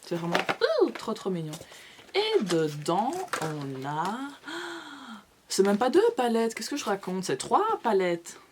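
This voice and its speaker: A woman's voice: medium pitch, very animated, a little slow, background noise. A young woman vlogger in a casual haul video, chatty and gushing, with playful asides to her viewers. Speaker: beauty vlogger.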